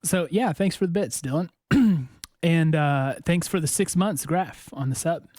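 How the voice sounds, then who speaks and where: A man's voice: fairly high pitch, measured pace, a little mellow, no room sound. Man on a dry livestream headset mic. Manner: joking, talks straight to chat. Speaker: livestream co-host. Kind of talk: casual stream chat.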